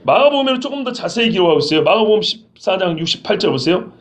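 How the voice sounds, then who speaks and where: Speaking very fast and with great animation, a male pastor whose voice sits high delivers an expository sermon, dramatizing scenes and putting questions to the congregation. It was recorded in a church sanctuary, with a roomy, dull sound.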